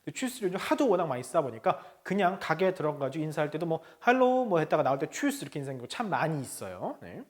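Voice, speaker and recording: A man teaching a language lesson. He says each phrase slowly, then explains it, and often checks in with his learners. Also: on the high side, sing-song.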